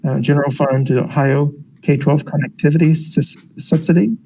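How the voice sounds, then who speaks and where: A man's voice: a little high, fairly even intonation, normal speed, dark tone. An American man talking through a face mask, formally reading agenda items aloud as he chairs a board meeting. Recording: noisy meeting room recording.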